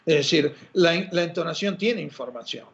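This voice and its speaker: A fairly high-voiced man explains his ideas with a teacher's energy, posing questions and answering them himself. The recording sounds dull and lo-fi, with the top end muffled. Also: normal speed, gravelly. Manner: lively teacherly, asks and answers his own rhetorical questions. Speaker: interview guest. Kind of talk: explanatory interview talk. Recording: muffled lo-fi audio.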